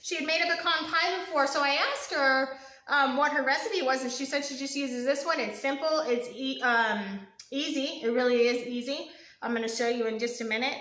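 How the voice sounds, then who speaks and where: A woman's voice: sits high, normal speed, sharp tone, reverberant. A young woman hosting a live home baking stream in her kitchen, rambling and chatty with lots of ums and asides to her viewers. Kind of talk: casual live cooking demo.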